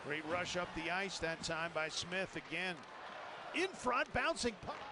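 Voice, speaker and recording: High voiced guy calling a hockey game, pretty noisy recording. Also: very animated, unhurried. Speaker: ice hockey play-by-play commentator. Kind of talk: sports play-by-play commentary.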